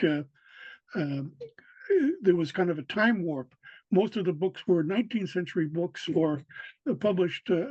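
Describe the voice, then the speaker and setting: In a casual recorded interview, a local historian, an older man from New York City, talks in a high, darkish voice with no echo. He hesitates constantly, restarting and filling gaps, and the sound is dry, dull and lo-fi.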